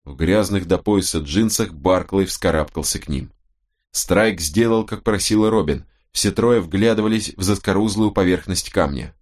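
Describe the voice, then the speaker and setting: A man reading an audiobook in a measured, even narrating voice. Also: low voice.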